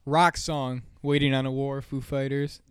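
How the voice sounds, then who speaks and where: A young man co-hosting a casual podcast, running down lists and telling stories in a relaxed way. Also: medium pitch, measured pace, clear, resonant tone, no echo. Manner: relaxed storytelling, runs down lists. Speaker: podcast co-host.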